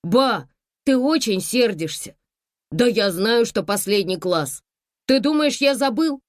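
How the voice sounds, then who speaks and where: A woman's voice: on the high side, lively intonation, unhurried, no room sound, clean studio sound, voice pushed up. A woman reading an audiobook voices an eager teenage grandson whose young voice cracks. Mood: eager, coaxing.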